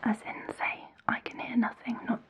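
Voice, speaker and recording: A woman whispering slow, reassuring instructions in an ASMR hearing-test roleplay. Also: lo-fi sound.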